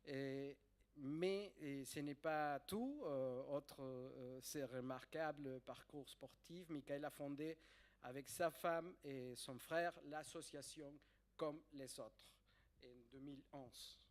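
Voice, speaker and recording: Speaking French with a foreign accent as a non-native, a man introduces a guest to a live audience, halting and repeating words while he searches for phrasing. His voice sits on the high side.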